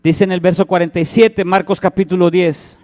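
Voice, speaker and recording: A man's voice: sits high, level tone, fairly quick, darkish tone. A man, preaching a sermon as pastor, who acts out the cries and quoted voices in his story.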